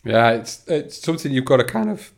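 A man's voice: medium pitch, very animated, fairly quick, gravelly. A man hosting a podcast, running a playful quiz and wrapping up the episode in an upbeat way. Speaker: podcast host. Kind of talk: interview and scripted outro.

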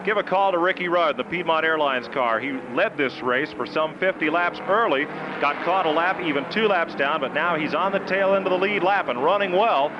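A male motorsport commentator reports on a live race in a somewhat high voice. He describes the action in full sentences. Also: normal speed, highs cut off, noisy background.

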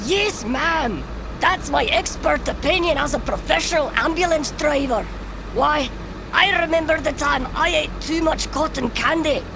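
A woman's voice: sits high, unhurried, music in the background, rough recording. A woman voicing a chatty, self-important ambulance driver who talks in a folksy, rambling way.

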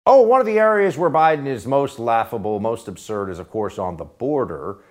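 A man hosting a political talk radio show, delivering sarcastic commentary that swings between loud jabs and quiet asides. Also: medium pitch, lively intonation, a little fast. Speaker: radio host.

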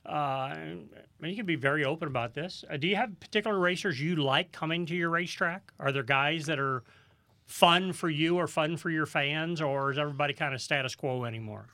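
Brief: animated host from St. Louis, bright and forceful, dry close sound, laughs through his stories. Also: fairly high pitch, fairly quick, dry recording. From St. Louis area, USA. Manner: animated storyteller, laughs often. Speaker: podcast host. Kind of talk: casual storytelling chat.

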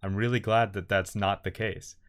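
A man hosting a podcast interview, relaxed and encouraging as he prompts his guest. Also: lowish voice, moderate pace. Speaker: podcast host. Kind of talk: interview chat.

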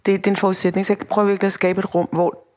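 A woman director talking casually on a podcast, animated, acting out quotes and laughing as she talks. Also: medium pitch. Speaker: film director, guest.

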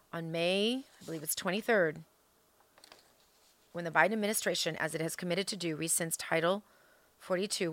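A woman with a bright, forceful voice hosts a political podcast, recorded close and dry. She speaks emphatically in an opinionated monologue, repeating key phrases and throwing rhetorical questions at her listeners. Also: lowish voice, no echo. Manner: emphatic, with deliberate repetition for effect.

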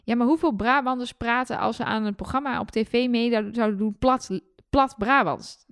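A woman from Twente, chatting as a podcast co-host and quick to agree. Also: a little high, clean tone, dry recording, studio quality. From Twente, Netherlands. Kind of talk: casual chat.

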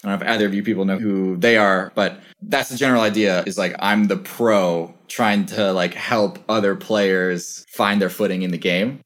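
A young man with a fairly low voice talks through his ideas in a loose, thoughtful way, leaning on "like" as he goes. He is a guest in a relaxed interview, heard over a video call. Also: normal speed, hardly any pauses. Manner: thoughtful, rambling, lots of "like" fillers. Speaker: interview guest, channel creator. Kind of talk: casual conversational interview.

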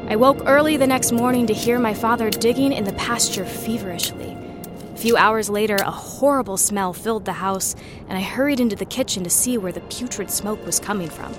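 A woman's voice: mid-range voice, lightly acted. A woman playing a haunted young storyteller over music. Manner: earnest, tense storytelling. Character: young woman recalling a horror from her girlhood. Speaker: first-person narrator. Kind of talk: scripted horror narration. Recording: music bed under voice. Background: clear music.

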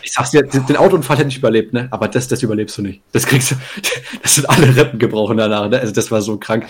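Fast-talking young man telling a rambling story. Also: mid-range voice, a little hiss or hum. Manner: rambling, crude slang, laughs mid-sentence, many "ne?" tags. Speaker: podcast co-host. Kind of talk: casual storytelling chat.

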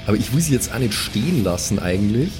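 Music sits behind this very animated, fast-talking man whose voice is on the low side. Over a loosely improvised tabletop game, he reasons out loud in a laid-back, slangy, hesitant manner.

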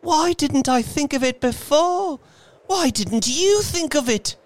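A man's voice: extremely high pitch, expressive, takes it slowly, no echo, pitched above the performer's own voice, heavily acted. A man voicing a hysterical, grieving old woman in a storybook reading, crying out wildly and feverishly. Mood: hysterical excitement.

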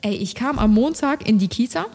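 A woman's voice: brisk, a crowd in the background. A young woman telling a story in casual, slangy chat, acting out quotes. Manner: animated storyteller, acts out quotes in high shrill voices; colloquial, slangy, many fillers. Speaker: podcast co-host telling a story. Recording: long echo, room reverb.

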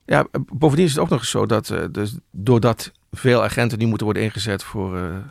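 A middle-aged man with a low, gravelly voice, talking as a guest journalist. He explains calmly with many hesitations and restarts. The sound is dry and close, with no room around it. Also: fairly quick, no echo. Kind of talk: conversational explanation.

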